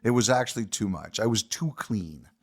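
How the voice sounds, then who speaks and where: A man's voice: fairly low pitch, animated, normal speed, husky. A man co-hosting a podcast, chatting casually and joking at his own expense. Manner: self-deprecating, jokey. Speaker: podcast co-host.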